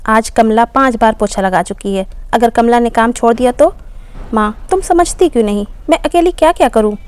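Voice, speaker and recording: A woman's voice: fairly high pitch, moderate pace, a little mellow, dry recording, natural voice. A woman voicing a tired working daughter, exasperated and pleading with her mother and maid. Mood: upset, tearful. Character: weary young working daughter, tearful and frustrated.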